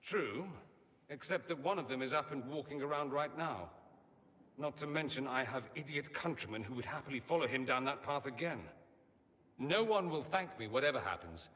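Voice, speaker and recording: A man's voice: medium pitch, lively intonation, normal speed, fairly bright tone, long reverb tail, lightly acted. An actor playing a witty, self-assured male mage from a foreign empire, theatrical in manner, in video game dialogue. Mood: brooding.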